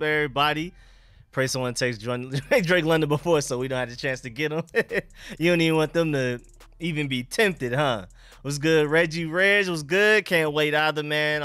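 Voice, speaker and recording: His voice is fairly high, a bit bright, clear and resonant, with no echo. This young man greets viewers on a casual sports livestream with slangy, informal talk and repeated greetings and catchphrases, though a dental retainer slightly impedes him.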